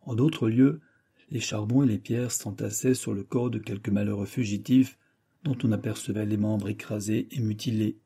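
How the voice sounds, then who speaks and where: Man, audiobook narrator, measured dramatic reading, very dark voice, husky. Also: lowish voice, steady tone. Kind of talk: scripted narration.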